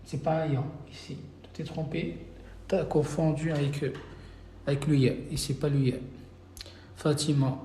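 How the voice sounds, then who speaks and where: A man's voice: on the high side, fairly even intonation, normal speed, long pauses, warm tone. A man teaching a live-stream lesson, patiently reading out viewer names and correcting them one by one. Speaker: Arabic teacher. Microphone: phone. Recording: echoey room, faint background noise.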